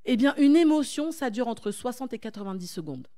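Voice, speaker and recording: A woman's voice: fairly high pitch, warm tone. A woman speaking as a coach at a church conference, urging her listeners on with repeated phrases and questions to the audience. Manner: exhortative, repetitive emphasis.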